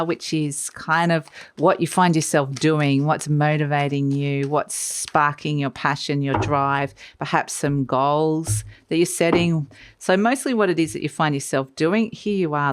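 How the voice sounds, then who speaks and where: A woman's voice: deep voice, clean tone. A woman giving an unscripted, mystical horoscope tarot reading, musing conversationally as she explains and rephrases each idea. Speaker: tarot card reader.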